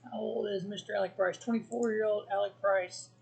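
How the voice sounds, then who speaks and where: A man's voice: sits high, fairly even intonation, brisk, creaky, low-quality recording. A man hosting a wrestling review show, giving blunt opinions in a casual solo talk full of ums and restarts.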